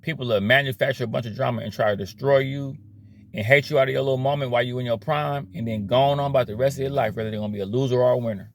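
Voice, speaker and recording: A man's voice: mid-range voice, steady tone, very fast. A man giving a blunt, slangy motivational rant about cutting problem people out of your life, repeating himself as he preaches. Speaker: motivational vlogger.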